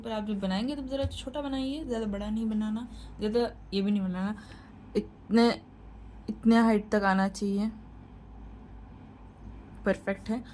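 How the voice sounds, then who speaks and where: A woman talking through a lesson at a steady, middle pitch. She explains each step and repeats the key points to her learners. Faint noise sits under her voice. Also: low-quality recording. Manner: instructive, repeats points, reassuring. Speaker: shorthand teacher. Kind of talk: tutorial lesson.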